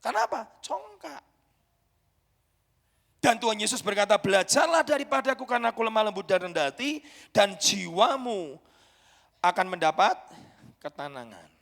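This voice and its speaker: A man's voice: sits high, animated, brisk, creaky. Indonesian pastor guy preaching, big dramatic swings, long church hall echo. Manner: emphatic, dramatic preaching with sudden loud peaks. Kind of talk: sermon.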